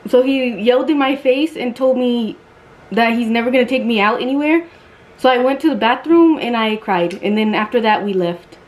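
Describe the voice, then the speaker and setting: A woman's voice: on the high side, normal speed, poor audio. A young woman vlogger telling a storytime while getting ready, blunt and chatty, swearing freely.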